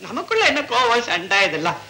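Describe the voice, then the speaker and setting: A high, bright-voiced joking husband. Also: male voice, wildly swooping pitch, exaggerated voice. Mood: teasing. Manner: teasing, quick-witted and bantering. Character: playful, wisecracking young husband. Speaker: comic newlywed husband. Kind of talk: 1970s Tamil film comedy acting.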